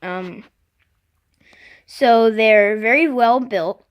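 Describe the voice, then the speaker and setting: A vlogger casually shows off a collection in an unscripted show-and-tell, speaking haltingly and often pausing to clear the throat. The voice is mid-range and the audio dull.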